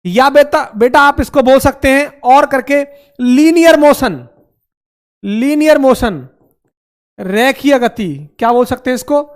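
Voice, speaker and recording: Guy teaching physics, high voice, keeps repeating stuff, quizzes then answers himself. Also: moderate pace. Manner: repetitive, calls students beta and mere bhai; asks questions and answers them himself. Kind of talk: classroom lecture.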